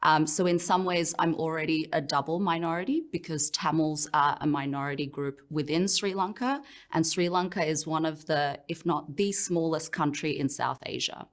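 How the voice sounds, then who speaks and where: Woman, Australian accent, fairly low voice, reflective, personal, speaker sharing her own story. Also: normal speed, hardly any pauses. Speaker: professional speaker. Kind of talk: personal motivational talk.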